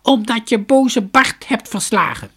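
Man doing a high squawky storybook parrot. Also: expressive, a little slow, fairly bright tone, husky, heavily acted. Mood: proud. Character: helpful talking parrot, colorful bird.

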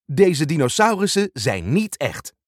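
A man reading a storybook and voicing Leo, a kind young helper who speaks gently and reassuringly. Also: a little high, very animated, measured pace, no echo, studio quality, voice pushed up.

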